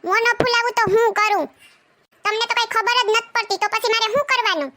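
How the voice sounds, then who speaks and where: A sharp-tongued young wife, played by a woman in a comedy skit, nagging her husband in a very high, bright voice. She complains and mocks in sarcastic jabs, and there is faint noise in the background. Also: quick pace. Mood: scolding.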